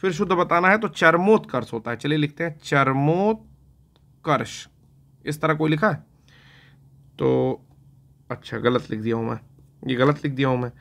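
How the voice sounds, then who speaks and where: The spelling teacher's voice is fairly high, a bit bright and creaky, at normal speed with frequent pauses. Conversational throughout, he checks in with "theek hai na" again and again and talks under his breath while writing on the board.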